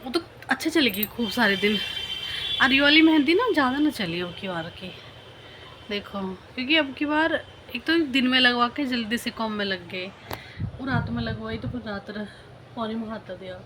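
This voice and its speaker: A family vlogger chats casually with viewers in her home kitchen and living room, cooing at her baby in a high sing-song. She speaks at a normal speed with a fairly bright tone, and the audio is poor with slight background noise.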